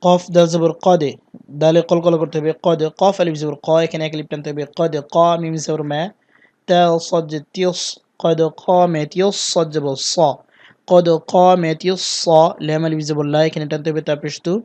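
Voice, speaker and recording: A man teaches the call to prayer, spelling out each word and reciting phrases in a slow, drawn-out chant between plain explanations. His voice is fairly high, level and warm, in a dry recording.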